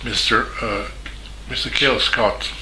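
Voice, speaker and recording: A man from Serbia with a Serbian accent, a journalist giving a spoken statement in halting English full of fillers and restarts. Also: medium pitch, fairly even intonation, sharp tone, a little hiss or hum. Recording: echoey room with faint ambience.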